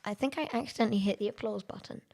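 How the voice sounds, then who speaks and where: A woman streamer chatting through a racing game, excitable and quick to laugh at her own mistakes. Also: on the high side, vocal fry. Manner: chatty, excitable and self-deprecating. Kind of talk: live-stream gameplay commentary.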